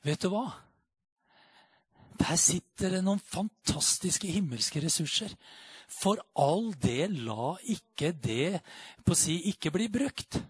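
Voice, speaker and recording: A male preacher delivering a charismatic sermon, calling out amen and hallelujah between his lines. His fairly high voice climbs sharply when he gets fervent and sinks low and soft in reflective moments. The sound is dry and close. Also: expressive, slightly rough, no room sound. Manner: fervent, swings from soaring exclamations to quiet reflection; peppers speech with amen and hallelujah.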